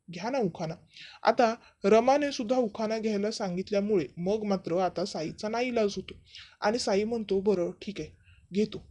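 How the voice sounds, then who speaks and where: A woman retelling a TV serial episode as a brisk running narration. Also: medium pitch, dark tone.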